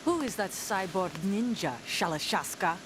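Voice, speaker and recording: An actress plays a young female soldier leader from a video game, bitter and confrontational, with lively swings in pitch. Every line is delivered as a defiant challenge. The audio carries a clear hiss. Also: normal speed, lightly acted. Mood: suspicious. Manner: accusing, confrontational. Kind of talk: dramatic video game acting.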